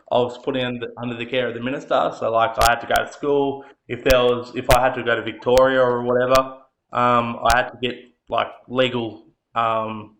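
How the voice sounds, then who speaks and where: A man's voice: medium pitch, vocal fry, a bit bright, a little hiss or hum. Australian man, late 20s, earnest and hesitant guest storyteller, slightly dull recording. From Tasmania, Australia. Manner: hesitant, lots of ums, earnest. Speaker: podcast guest. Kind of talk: personal storytelling.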